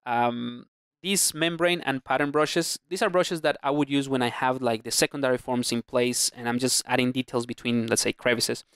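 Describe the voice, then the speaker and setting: A man narrating a screen-recorded 3D sculpting tutorial, talking through his brushes in a relaxed way with plenty of fillers and restarts. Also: mid-range voice, moderate pace, clean tone, no echo, clean studio sound. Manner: relaxed, thinking aloud with many fillers and restarts. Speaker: ZBrush instructor. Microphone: close mic, voice-over on screen capture.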